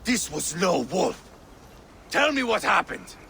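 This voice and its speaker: A man playing a fierce, vengeful, hot-tempered Viking warrior in a video game, with a gravelly, commanding voice. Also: high voice, big pitch swings, slow pace, a little hiss or hum, heavily acted. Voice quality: gravelly, forceful. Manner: intense, commanding, theatrical.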